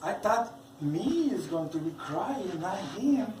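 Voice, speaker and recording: Man, non-native English speaker, religious testimony, slow halting delivery, repeated restarts, echoey room. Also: sits high, big pitch swings, background noise. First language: not English. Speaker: churchgoer giving a personal testimony. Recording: roomy, from some distance off the mic.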